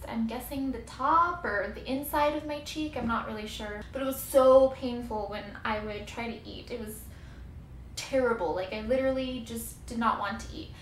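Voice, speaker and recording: Higher-voiced young woman with creaky fry, chatting. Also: fairly bright tone, roomy sound, slight background noise. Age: 20s. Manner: chatty, rambling, self-interrupting, given to hyperbole. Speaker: vlogger telling a personal story. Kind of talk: casual storytime to camera.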